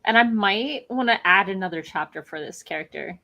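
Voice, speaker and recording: A woman's voice: medium pitch, lively intonation, a little fast, bright, forceful tone, lo-fi sound. A middle-aged woman hosting a casual livestream, chatting and cheering on viewers' comments. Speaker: livestream host. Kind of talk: casual chat.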